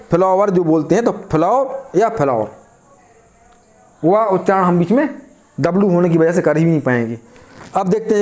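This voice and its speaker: A man's voice: high-pitched, a little mellow. A man teaching an English grammar lesson, asking the class questions and answering them himself.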